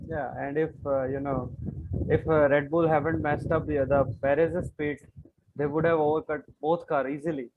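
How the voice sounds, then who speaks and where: A man's voice: fairly high pitch, little pitch movement, moderate pace, phone-quality sound, slight background noise. A man co-hosting a casual race review podcast, chuckling and chiming in with quips. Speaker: podcast co-host.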